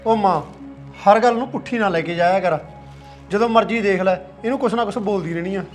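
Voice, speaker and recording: Guy playing a young man sticking up for his widowed bhabhi, fast, faint music under it. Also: high voice, natural voice. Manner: protective, arguing. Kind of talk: short film acting.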